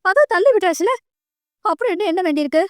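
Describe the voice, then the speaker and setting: A bitter young bride, her voice pitched up high and tight as she pushes away her family, as a woman narrator puts her on. The storybook scene is close and dry, with no room around it, and her delivery is quick and strained, close to tears. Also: animated, no echo. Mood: bitter anger. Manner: pleading then angry, breaking voice.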